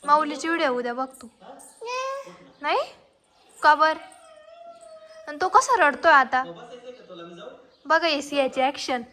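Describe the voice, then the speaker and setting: A woman's voice: sits high, a little slow, pauses often, pushed and bright. A woman filming a casual family vlog at home, talking playfully and coaxingly to a toddler. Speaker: vlogger, mother.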